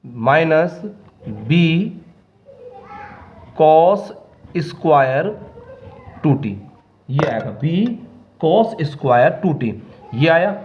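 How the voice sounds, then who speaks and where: A male maths teacher with a fairly high, expressive voice works through a problem on the whiteboard, dictating terms slowly, step by step. He often checks that his students are following. The audio is dull, with a little hiss or hum.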